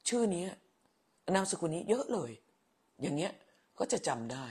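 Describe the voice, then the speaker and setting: Husky middle-aged woman, ex-teacher, chatty motherly livestream host who teases and repeats herself. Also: on the low side, sing-song, normal speed, a little mellow. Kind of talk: casual live chat reading viewer comments.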